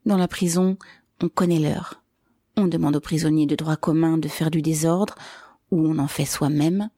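A woman narrating a novel aloud in a measured, clear storytelling manner. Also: low voice, fairly even intonation, dark tone, no echo, clean studio sound. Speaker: reader. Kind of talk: scripted narration.

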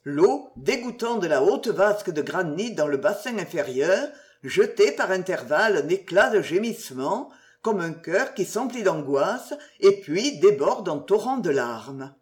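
Narratrice lyrique à la voix très mélodieuse. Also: female voice, lowish voice. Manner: lyrical and expressive, slowing for exclamations. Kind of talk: literary audiobook narration.

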